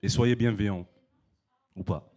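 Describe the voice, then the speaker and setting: A man hosting a live slam poetry night, calmly explaining how the jury scores. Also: lowish voice, unhurried. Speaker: slam event host. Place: live slam venue with audience.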